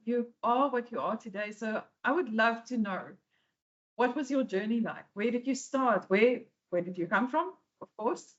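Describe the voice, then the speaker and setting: A woman interviewer with a slightly high voice asks friendly, hesitant questions, pausing on small fillers. The sound is somewhat dull and lo-fi. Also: fairly bright tone. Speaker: interviewer, host. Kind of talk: conversational interview.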